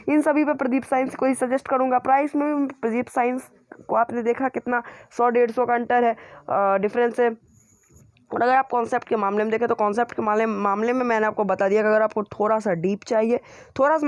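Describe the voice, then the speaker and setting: A man's voice: very high voice, no echo. Man, channel host, casual book recommendation, repetitive, hesitant fillers, dry close sound. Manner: repetitive, keeps qualifying his points. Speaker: YouTube channel host reviewing school books.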